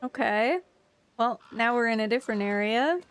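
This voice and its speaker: A woman's voice: fairly high pitch, normal speed, fairly bright tone, clear, resonant tone, soft background music. A woman streamer chatting casually while playing a story game, thinking aloud and choosing actions. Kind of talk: casual gameplay chat.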